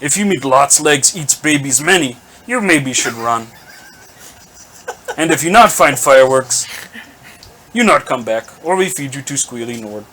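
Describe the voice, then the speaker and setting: A man voicing a boastful male goblin chieftain who booms his orders in broken, grandiose grammar. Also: expressive, a little slow, pauses often, pushed and bright, a little hiss or hum. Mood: commanding. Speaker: game master voicing a character.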